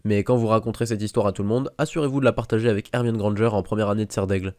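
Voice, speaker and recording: A man's voice: lowish voice, steady tone, rapid-fire, a little mellow, close to an everyday voice. A man reading as an earnest young boy wizard. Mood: wry. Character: eleven-year-old boy wizard, clever, intense.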